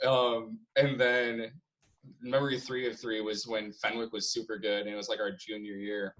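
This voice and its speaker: A man's voice: on the low side, level tone, moderate pace, a bit bright, poor audio. A young man from the Chicago area, a podcast co-host telling stories in casual chat, laughing often and swearing freely. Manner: laughing storyteller, heavy swearing.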